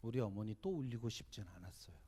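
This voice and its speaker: A man in his fifties, a pastor, giving a church seminar sermon, telling animated stories and asking the audience questions. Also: fairly low pitch, quick pace, breathy edge.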